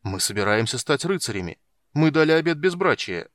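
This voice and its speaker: A man's voice: a little high, very animated, a little fast, fairly bright tone, no echo, clean studio sound, voice pushed up. A man voicing an earnest young male would-be knight who protests formally. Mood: indignant.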